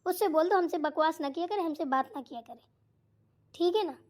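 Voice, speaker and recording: A woman voicing a lazy, quarrelsome sister-in-law in a cartoon, sharp, rude and always complaining. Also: very high-pitched, fairly quick. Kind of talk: cartoon voice acting.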